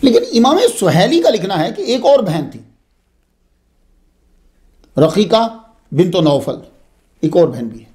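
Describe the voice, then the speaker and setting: A man's voice: sits high, unhurried, pauses often. A man giving a religious history lecture, telling it expressively with frequent asides. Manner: expressive, digressive storytelling with asides.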